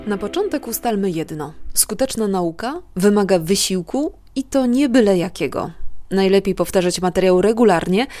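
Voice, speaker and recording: Female radio reporter with mid-pitched voice. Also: animated, moderate pace, dark tone, soft background music. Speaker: radio reporter narrating a feature. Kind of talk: scripted narration.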